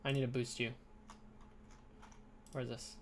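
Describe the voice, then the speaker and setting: Man, casual livestream co-host, chatty, mid-pitched voice, faint background hiss. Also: flat delivery, measured pace. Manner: chatty, fiddles with stream setup while talking. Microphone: headphones with computer mic.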